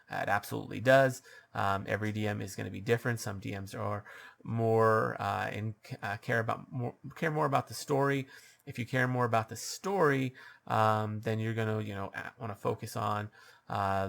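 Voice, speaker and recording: A dungeon master talks through his advice unscripted, his lowish voice creaky, a bit bright and somewhat scratchy. He hesitates a lot, with many ums and uhs, and keeps restarting his sentences.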